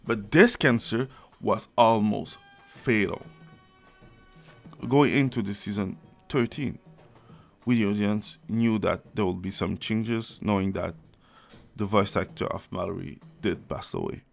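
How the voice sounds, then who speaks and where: Male video commentator with a gravelly, unhurried delivery, blunt and sarcastic. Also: fairly low pitch. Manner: blunt, sarcastic, swears freely, laughs mid-sentence. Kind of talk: casual opinion commentary. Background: background music.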